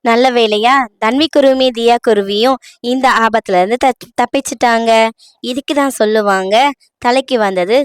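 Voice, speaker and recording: A woman narrates a children's cartoon story with a smooth, clear voice set a little high. She tells it gently and steadily, with a dry, close sound. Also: moderate pace, no room sound.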